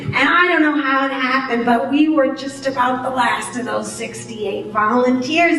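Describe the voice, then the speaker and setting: An older woman tells a personal story to a live audience, unhurried and expressive, with a bright, fairly high voice. She stands well back from the microphone, and her words ring out in a very echoey hall. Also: slight background noise. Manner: unhurried, expressive delivery with amused laughter. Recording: very echoey hall, voice far from the mic.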